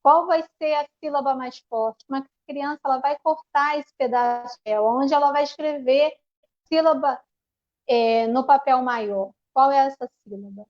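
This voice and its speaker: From her home, a woman teacher with a Brazilian Portuguese accent walks an online panel through a classroom activity over video call, full of restarts and filler words. She speaks at a normal pace in a high voice, and the sound is lo-fi.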